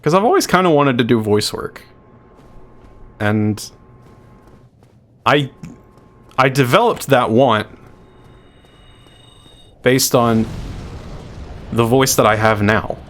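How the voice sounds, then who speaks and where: A man with a deep voice speaks slowly, with long pauses, while streaming a video game. He chats casually, thinks out loud, and swears freely.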